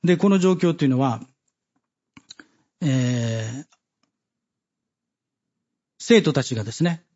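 A man giving a Bible study sermon, measured and halting with many fillers, reading scripture passages aloud. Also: medium pitch, lively intonation, darkish tone, dull audio. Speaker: preacher.

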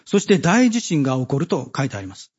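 Male preacher, fairly high husky voice, measured Bible study delivery, dull lo-fi recording. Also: sing-song. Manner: measured, with many fillers and pauses, reading scripture aloud.

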